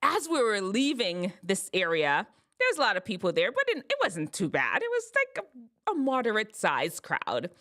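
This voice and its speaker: Animated woman telling a story. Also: medium pitch, moderate pace. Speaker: host giving advice to teens. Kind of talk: casual storytelling and advice.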